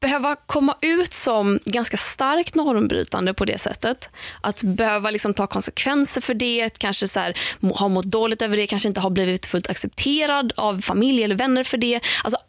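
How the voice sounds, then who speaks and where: A young woman in casual chat, talking quickly and reflectively with fillers. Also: fairly high pitch, dry recording, clean studio sound. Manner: fast reflective talk with fillers.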